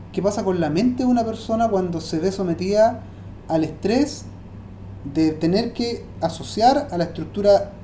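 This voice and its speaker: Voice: mid-range voice, warm tone, echoey room, slight background noise. A Hebrew teacher gives a language lesson, often hesitating and repeating words while thinking aloud.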